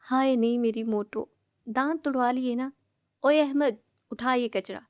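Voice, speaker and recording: A woman's voice: sits high, unhurried, no echo, studio quality. A woman voicing a bold young female student who is bossy and playfully teasing as she talks. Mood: scrappy.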